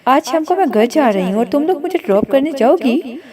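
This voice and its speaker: A woman's voice: high voice, expressive, fairly quick, crowd noise, voice pushed up. A woman reading aloud, voicing a playful young woman who teases her friend with affection. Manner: teasing, affectionate.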